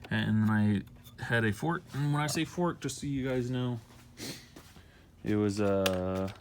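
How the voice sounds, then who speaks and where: An American DIY vehicle vlogger with a mid-range voice walks through a hands-on how-to at a measured pace, rambling casually, repeating himself and apologizing. It's noisy handheld amateur video.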